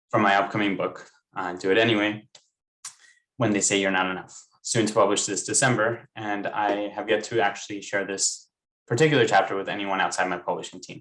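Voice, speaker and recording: Young man, low voice, from Maryland, earnest, reading his own writing aloud, video call. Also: a bit bright, low-quality recording. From United States (raised in Maryland). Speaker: panel speaker and author. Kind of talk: online panel talk, then reading a book excerpt aloud.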